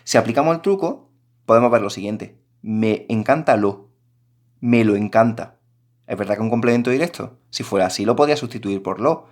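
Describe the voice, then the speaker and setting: A man's voice: medium pitch, animated, fast. A man teaching a recorded grammar lesson, explaining patiently and addressing his students directly.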